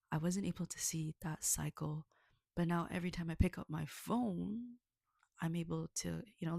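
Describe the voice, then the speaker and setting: A woman with a low, gravelly, slightly mellow voice reflects on a fable, speaking casually and earnestly to her listeners. She rambles and keeps checking in with frequent "okay?" prompts. The recording is dry and close, with no room sound.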